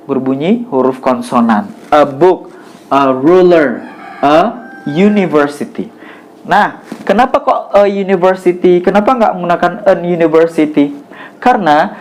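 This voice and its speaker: A man giving a casual grammar lesson, explaining step by step and repeating each example slowly. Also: on the high side, a little mellow. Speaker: English teacher.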